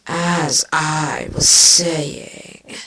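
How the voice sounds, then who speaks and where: A woman voicing a proud, bitter and defensive changeling insect queen, with a haughty, drawn-out delivery. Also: sits low, little pitch movement, pushed and bright, full character voice. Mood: defensive, indignant. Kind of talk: fan fiction voice acting.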